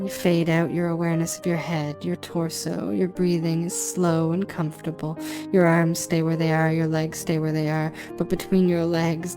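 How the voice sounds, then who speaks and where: A woman delivering an erotic hypnosis monologue for adults, speaking intimately close in the listener's ear in a commanding, deliberate, repetitive way. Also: sits low. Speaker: hypnosis narrator. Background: music.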